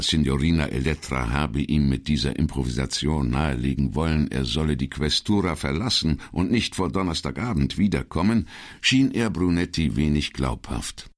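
A man narrating an audiobook in a measured, expressive reading. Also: a bass voice. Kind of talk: scripted narration.

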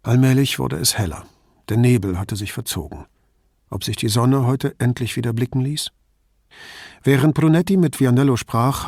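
A man narrating a crime novel audiobook in an even, measured reading. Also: medium pitch, husky, dry recording, studio quality.

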